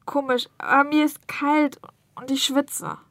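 Woman acting a high-voiced, plaintive sick patient. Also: fairly even intonation, measured pace, fairly bright tone, no echo. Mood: unwell, plaintive. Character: sick, worried female patient with a cold. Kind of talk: scripted language-learning dialogue acting.

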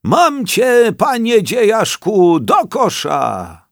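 A man's voice: sits high, wildly swooping pitch, very slow, no echo, studio quality, pitched above the performer's own voice, full character voice. A man voicing a cheerful, folksy grandfather of ninety-nine in a children's storybook. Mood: triumphant. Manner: exclaiming, folksy.

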